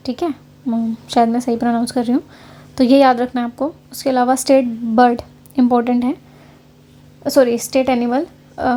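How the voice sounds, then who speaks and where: A woman's voice: a little high, warm tone. A woman from Haryana teaching an online exam-prep class in a conversational way, checking in often with her listeners. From Haryana, India. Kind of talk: casual lecture over slides.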